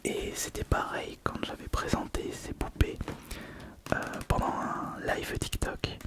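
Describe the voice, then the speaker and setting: A man whispering an intimate ASMR monologue, very close, as if right in the listener's ear. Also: a little slow. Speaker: ASMR video host.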